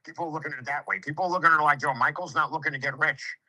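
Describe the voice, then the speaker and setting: A man's voice: on the high side, steady tone, very fast, sharp tone, rough recording. Brash streetwise contractor man in his fifties. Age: 50s. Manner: brash, streetwise, lectures with swearing and acted-out quotes. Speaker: home improvement contractor. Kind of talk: casual sales conversation.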